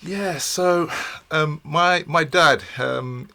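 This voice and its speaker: A middle-aged man, a podcast guest telling his story in a studio with many pauses, fillers and repeated words. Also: fairly high pitch, gravelly, sharp tone. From England. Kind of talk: casual interview storytelling.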